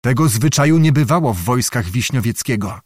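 A man reads a historical novel aloud in a measured, dramatic way, as an audiobook narrator. His voice sits at a mid pitch. The sound is dry and close, with no room around it. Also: expressive, a little mellow, dry recording.

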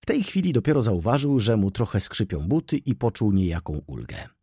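Husky male audiobook narrator, very expressive. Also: fairly low pitch, brisk, dry recording, studio quality. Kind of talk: scripted narration of a classic novel.

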